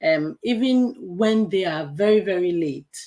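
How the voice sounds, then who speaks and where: A middle-aged woman co-hosting a casual talk about marriage, easygoing and quick to murmur agreement. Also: on the low side, animated, warm tone. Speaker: co-host.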